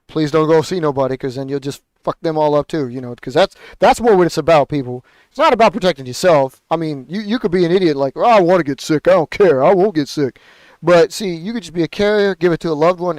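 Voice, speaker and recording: A man's voice: on the high side, no echo. A man hosting a paper airplane show, talking in a rambling, profane, exasperated rant. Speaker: podcast host building paper planes. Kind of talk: casual ranting chat.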